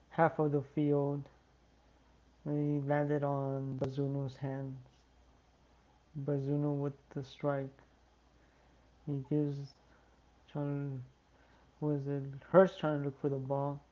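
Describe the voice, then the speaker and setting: A drowsy fan commentator calls the match for a live watch-along, speaking slowly in a flat, even tone. The audio is a little dull and lo-fi. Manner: tired, yawning, slow and low-key. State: sleepy.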